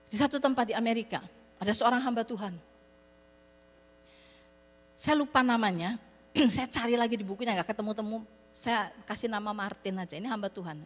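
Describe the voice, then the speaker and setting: A woman's voice: a little high, a little fast, pauses often. A woman preaching a sermon in storytelling style, mixing in English words and addressing her listeners as brothers and sisters. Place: church hall. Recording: long hall reverb with hum.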